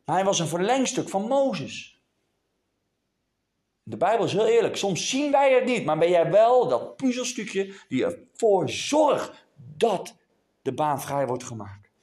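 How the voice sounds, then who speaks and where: Man, sermon, fairly high voice, very animated pitch, swings from hushed to raised. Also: a little slow. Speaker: preacher. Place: church hall before a congregation.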